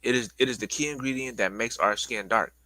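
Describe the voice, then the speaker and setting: Breathless man lecturing his stream, bright and dry. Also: mid-range voice, fairly quick, dry recording, poor audio. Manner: loose, repetitive, addresses viewers as y'all. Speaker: livestream host giving a presentation. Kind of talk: casual livestream lecture.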